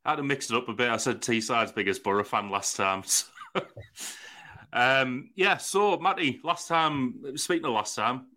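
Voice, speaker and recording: A man's voice: medium pitch, moderate pace, pushed and bright. A man hosting a casual football interview, chatty and feeling his way through his questions. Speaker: podcast host.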